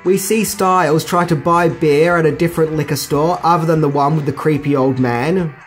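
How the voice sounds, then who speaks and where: A man's voice: a little high, fairly even intonation, moderate pace. A middle-aged man narrates scripted movie trivia as a video host. He drops in casual, slangy asides, and music plays behind his voice.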